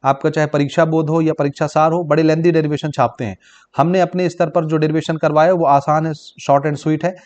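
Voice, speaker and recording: A man with a Chhattisgarh Hindi accent giving a brisk exam-prep physics lesson, calling his students brother and child. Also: a little high, little pitch movement, darkish tone. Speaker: physics teacher.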